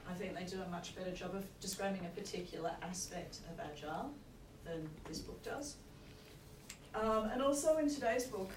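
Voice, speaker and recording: A university lecturer with a croaky, medium-pitched voice, still recovering from losing it, lectures in a measured, explanatory way, often checking in with "okay" and "um." She's recorded in an echoey hall from a distant mic, and the sound is noisy.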